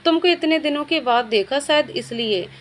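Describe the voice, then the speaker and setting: A woman's voice: high-pitched, moderate pace, slight background noise, natural voice. A woman voicing a frail, emotional young woman recovering from illness in a storybook reading. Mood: gentle.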